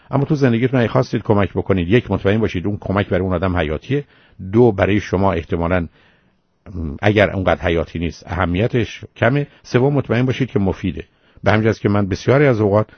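Calm low-voiced radio advice host, man. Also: no room sound. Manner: calm, reasoning, lists points in order. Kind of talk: call-in advice talk. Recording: dull lo-fi radio sound.

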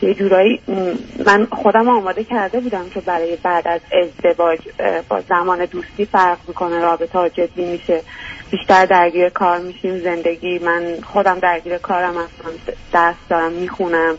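A woman's voice: lowish voice, flat delivery, muffled recording, a little hiss or hum. A young woman calling a radio advice show, speaking hesitantly and searching for words as she explains her problem. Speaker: caller. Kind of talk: call-in advice talk.

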